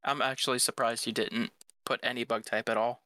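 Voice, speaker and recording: A man co-hosting a casual podcast, enthusiastic and animated. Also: mid-range voice, a little fast, no echo. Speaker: podcast co-host. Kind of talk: casual chat.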